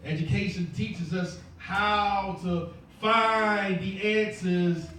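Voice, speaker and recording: A man's voice: high voice, steady tone, slow pace, slight background noise. A man preaching a call-and-response sermon as a minister, his words answered by the congregation. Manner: preaching with rising intensity, building to shouts. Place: church sanctuary. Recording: echoey church heard from a distance with congregation responses. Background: congregation calling back responses.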